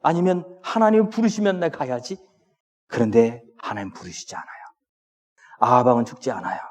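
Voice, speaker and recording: A man preaching a sermon as senior pastor, with expressive delivery that rises to impassioned pleading when he voices prayers. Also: mid-range voice, brisk. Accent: Korean. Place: church sanctuary. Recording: long church-hall reverb.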